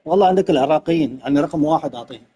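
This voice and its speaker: A man's voice: on the high side, rapid-fire, mellow, husky, poor audio. A man commenting on his own game in an exasperated, complaining way, swearing oaths constantly. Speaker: gamer streamer. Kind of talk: live gameplay commentary.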